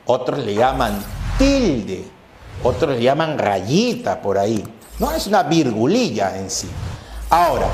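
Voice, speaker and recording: Male teacher, slightly high voice, methodical exam-prep lecturing, roomy echo. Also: slight background noise. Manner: methodical, recaps often with rhetorical questions. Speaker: language teacher. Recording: echoey room.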